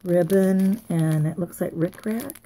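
A woman's voice: on the low side, measured pace, mellow. A woman chatting casually to viewers as she unwraps craft mail, gushing and a little tired. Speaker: craft vlogger. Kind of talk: casual unboxing chat.

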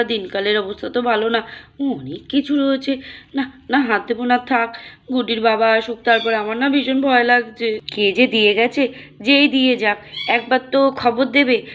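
A woman's voice: fairly high pitch, highs cut off, natural voice. A woman voicing a worried young mother who frets and talks to herself, in a doll-play story.

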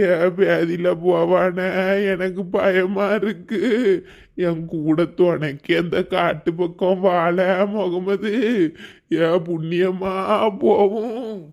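A man's voice: sits high, creaky, a little mellow, full character voice. A man voicing a frantic old village grandfather, pleading in a Kanyakumari Tamil accent. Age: older. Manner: pleading, wailing. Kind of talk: cartoon voice acting.

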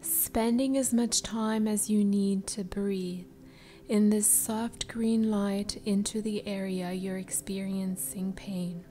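Woman, slow pace, soft spa whisper, meditation guide, soothing, music behind. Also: mid-range voice, steady tone. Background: background music.

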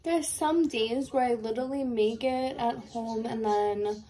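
A young woman with a fairly high, dark-toned voice speaks at a measured pace, congested and sniffling from a cold. She's a lash tech and beauty vlogger chatting candidly through a casual get-ready-with-me while doing her makeup in her bedroom, with lots of filler words. The audio is poor, picked up by a close camera in front of her.

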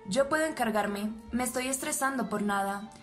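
A woman's voice: a little high, normal speed, faint music behind, lightly acted. A woman reading the lines of a defensive, worried young man in a plain voice. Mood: guarded.

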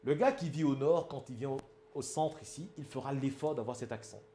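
A man's voice: medium pitch, a little fast, mellow, roomy sound, a little hiss or hum. Man teaching with Cameroonian French accent. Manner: emphatic, asks the audience if it is clear. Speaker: public speaking trainer. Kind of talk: instructional talk.

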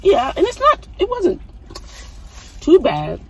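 Her voice is very high with wildly swooping pitch and a slow pace. A middle-aged mom and vlog host, she reviews food casually from inside a parked car, chatting, explaining and asking follow-ups into her dashboard-mounted phone camera.

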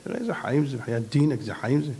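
Man doing a hopeless indebted man, low, gloomy, complaining. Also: creaky, dark tone, slight background noise, close to an everyday voice. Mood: despairing. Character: despairing indebted middle-aged man.

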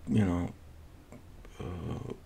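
An Iranian film reviewer with a low-pitched voice and a thick Persian accent gives a casual, unscripted movie review, halting and searching for words with repeated false starts. His delivery is fairly even in intonation, creaky and mellow. He's in a small home office indoors, and the noisy room recording carries a low rumble.

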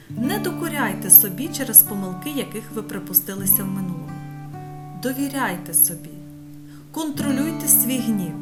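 Woman teacher narrating over loud guitar. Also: medium pitch. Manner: instructive, addresses students directly. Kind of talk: scripted lesson narration. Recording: loud background guitar music. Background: loud guitar music.

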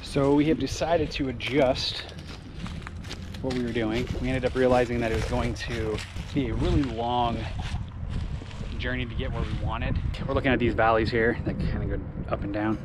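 A man's voice: medium pitch, normal speed, noisy background. Easygoing young man narrating a hike. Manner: relaxed, easygoing narration to camera. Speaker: vlogger. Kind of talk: casual hiking vlog chat. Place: outdoors in wooded lakeside hills. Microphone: action camera handheld.

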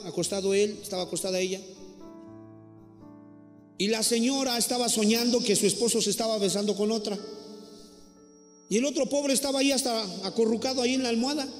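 A man preaches a lively sermon, slipping into shrill acted voices for the people in his stories. His voice sits a little high for a man. It rings through a church hall with a long echo. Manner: animated, acts out quarrels in a shrill voice. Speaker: pastor. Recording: echoey hall with faint music.

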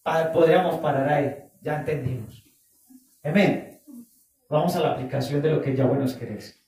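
A man preaching a sermon, animated, acting out quoted voices and drawing out phrases for emphasis. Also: a little high, normal speed. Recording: echoey room, voice from far off the mic.

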